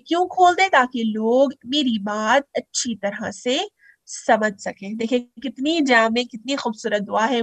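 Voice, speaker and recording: Patient woman teaching slow recitation. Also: on the high side, no room sound. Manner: patient, drawing out syllables to demonstrate. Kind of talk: step-by-step recitation lesson.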